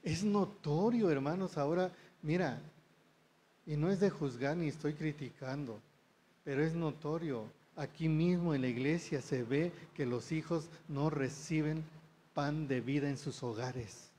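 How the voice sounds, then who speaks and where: Preacher guy, slow and mellow, keeps asking the church stuff as he goes. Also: fairly high pitch. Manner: slow, addresses the congregation with rhetorical questions. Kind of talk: sermon.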